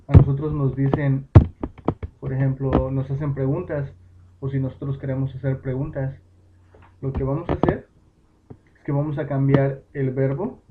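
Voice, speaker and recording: A man teaches at a slow, unhurried pace, pausing on fillers and correcting himself as he goes. His voice sits in an ordinary middle register. The recording is thin and phone-like, with a faint hiss underneath. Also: medium pitch. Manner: slow, patient explaining with fillers and self-corrections. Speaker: English teacher. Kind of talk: home-made lesson explaining grammar.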